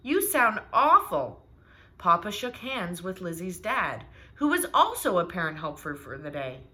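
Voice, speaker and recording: A woman's voice: fairly low pitch, normal speed. A woman reading a children's storybook aloud and asking her young listeners questions along the way. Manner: animated, asks listeners questions. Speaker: storybook reader.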